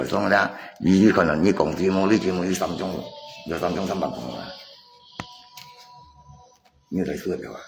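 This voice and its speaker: A man with a low, gravelly voice chats casually on a livestream, though he sounds agitated and argumentative and often repeats himself. The space is echoey and reverberant, with music playing behind him.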